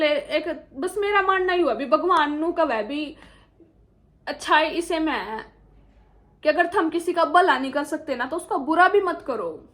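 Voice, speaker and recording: A young woman with a Haryanvi accent telling her personal story and earnestly appealing to viewers in a vlog monologue. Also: high voice. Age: young adult. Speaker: vlogger.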